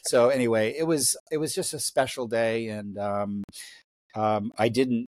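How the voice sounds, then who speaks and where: A man in his fifties talks as a podcast guest, in a rambling, halting way full of restarts. His voice sits at an ordinary middle pitch. The sound is dry and close, with no room around it. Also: fairly even intonation, darkish tone, no echo. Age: 50s. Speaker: guest athlete. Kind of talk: casual podcast storytelling.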